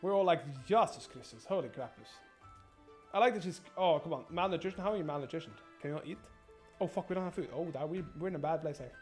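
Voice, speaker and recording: A man's voice: a little high, quick pace, a little mellow, soft background music. Rambling, foul-mouthed man streaming a game. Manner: profane, rambling, stammers and repeats himself. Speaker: gaming streamer. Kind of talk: casual gameplay commentary.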